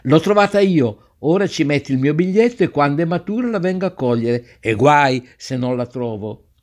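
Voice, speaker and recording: A man reading a story and voicing a fussy, possessive gentleman who speaks quickly and boastfully. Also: fairly high pitch, lively intonation, close to an everyday voice.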